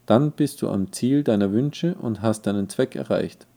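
A man's voice: on the low side, moderate pace, creaky, dark tone. A man reading the part of a cunning royal vizier who speaks in an insinuating, persuasive way. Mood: scheming. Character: scheming male vizier, cunning royal adviser.

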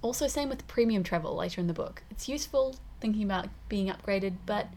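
A woman's voice: mid-range voice, expressive, fast talker, darkish tone, slight background noise. A woman with a New Zealand accent co-hosting a podcast, giving frank, opinionated opinions in casual chat. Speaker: podcast co-host.

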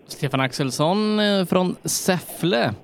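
A man's voice: high-pitched, lively intonation, creaky, slight background noise. A man co-commentating a rally, chipping in short remarks with fillers. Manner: brief interjections with fillers. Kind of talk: live sports commentary.

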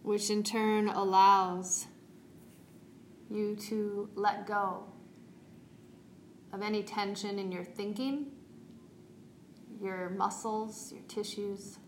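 Calm, slow-paced woman guiding meditation. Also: medium pitch. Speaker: yoga and meditation teacher. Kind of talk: guided meditation. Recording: roomy echo, faint background noise.

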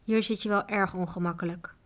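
A woman reading a calm, kindly knight. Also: medium pitch, a little fast, lightly acted. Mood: calm reassuring. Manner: calm, soothing, reassuring. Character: kind, calm adult male knight.

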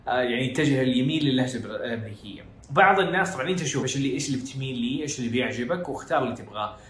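A man's voice: mid-range voice, expressive, racing, a bit bright, a little hiss or hum. A Saudi man with a Hejazi accent from Jeddah, hosting a casual educational podcast and slipping English phrases into his Arabic. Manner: code-switches into English phrases. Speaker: podcast host. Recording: echoey room.

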